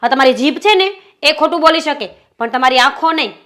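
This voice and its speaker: A woman's voice: high voice, lively intonation, a little fast, fairly bright tone. A woman playing a jealous accusing wife. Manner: accusing and sarcastic. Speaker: suspicious wife. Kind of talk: Gujarati short-film family drama acting.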